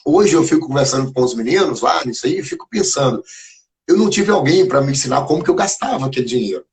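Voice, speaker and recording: Fast and medium-pitched, a gravelly man from Minas Gerais, Brazil, rattles off lively stories, voicing remembered exchanges as he goes. He's a teacher guesting on a video live stream, chatting casually through a phone or computer microphone.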